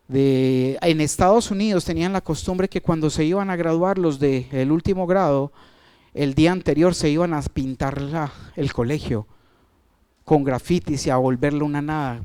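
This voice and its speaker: A male pastor preaching a sermon, asking the congregation questions, stretching out key words and letting his phrases fall away quietly. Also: clear, resonant tone. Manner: asks the congregation questions and answers them; wide swings of pitch and loudness, trailing off at phrase ends.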